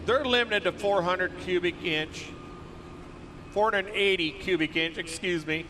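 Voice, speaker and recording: A man's voice: high voice, a little slow, background noise. A man announcing a tractor pull in a folksy way, calling and repeating figures.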